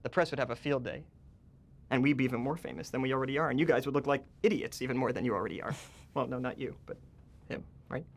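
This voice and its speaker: Cocky, jittery, fast-talking suspect. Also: male voice, medium pitch, gravelly. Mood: smug, taunting. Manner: rapid-fire, jittery, sarcastic delivery. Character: cocky, smug young male magician under police interrogation. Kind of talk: naturalistic film acting.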